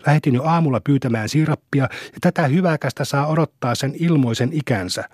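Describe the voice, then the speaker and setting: A man putting on a shrill lamenting neighbor wife. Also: darkish tone, no room sound, clean studio sound, lightly acted. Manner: lamenting, shrill when triumphant. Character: flustered, preachy neighbor woman, middle-aged.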